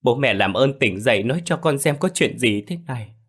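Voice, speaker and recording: A man's voice: lowish voice, moderate pace, lightly acted. A man voicing a scheming young wife who fakes tearful grief with wailing, sobbing pleas in a told story. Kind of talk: storytelling with acted dialogue.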